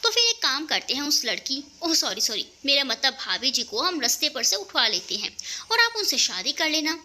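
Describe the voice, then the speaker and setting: A woman's voice: high-pitched, big pitch swings, normal speed, pushed and bright, exaggerated voice. A woman voicing a sly young man's friend who proposes a crude scheme in a romantic audio story. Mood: scheming. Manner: sly, conspiratorial.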